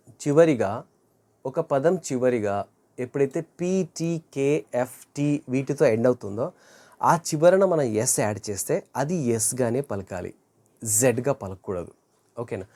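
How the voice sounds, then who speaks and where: An English teacher giving an online grammar lesson, repeating each word slowly to model pronunciation and correcting wrong forms. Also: medium pitch, warm tone.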